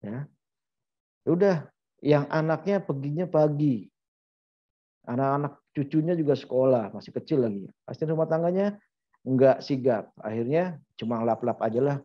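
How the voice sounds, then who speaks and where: A man's voice: medium pitch, lively intonation, moderate pace, pauses often. A middle-aged man giving an informal medical lecture, talking through examples and asking rhetorical questions. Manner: conversational, uses anecdotes and rhetorical questions. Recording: slightly dull lo-fi audio.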